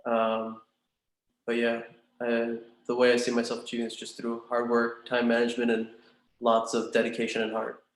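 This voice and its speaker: A big room echo surrounds this young man's voice. He speaks at a middling pitch with a very flat, even intonation. His manner is polite and earnest, with some hesitation, as in a formal interview. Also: moderate pace, slight background noise. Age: 20s. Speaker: student in a practice job interview. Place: room in a large house.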